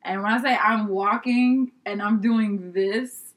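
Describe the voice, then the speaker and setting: A woman's voice: mid-range voice, fairly even intonation, slow pace. A woman guest in a casual interview recalls her childhood with lots of animation. She laughs often and mixes slang with a little swearing. She acts out the people she quotes in a chatty, easygoing way.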